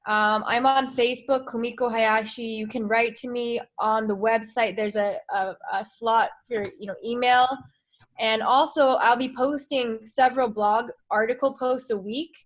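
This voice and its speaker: A woman's voice: a little high, steady tone, normal speed. A woman guest speaking earnestly over a video call and searching for her words. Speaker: guest filmmaker and activist. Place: outdoors in a jungle.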